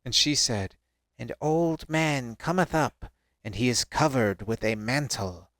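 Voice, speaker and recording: A man's voice: mid-range voice, unhurried, fairly bright tone, no room sound. A man co-hosting a podcast, reading scripture aloud and chatting playfully. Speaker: podcast co-host. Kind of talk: casual chat and scripture reading.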